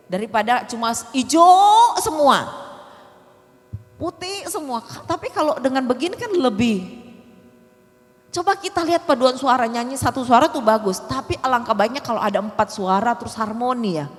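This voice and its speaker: A middle-aged woman evangelist, giving a conversational sermon with quick, lively delivery. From Manado, Indonesia. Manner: fast, often high-pitched, lively talk. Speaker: evangelist preacher. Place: church hall. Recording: church hall reverb.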